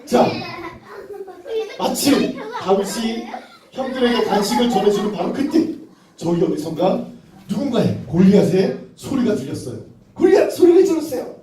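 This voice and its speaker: A man's voice: high voice, normal speed, pauses often, far from the mic. A man teaching Sunday school, telling a Bible story playfully and directing children who act it out. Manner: playful, animated, directs children on stage, laughs often. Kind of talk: children's sermon with acted story. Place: church room with children. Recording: echoey room, mic from afar, children behind.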